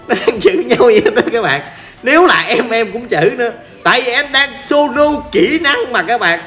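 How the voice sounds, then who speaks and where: A gaming streamer with a Southern Vietnamese accent gives joking, chatty commentary over a game he's playing live, teasing opponents and talking to viewers. His voice sits high with a sharp tone.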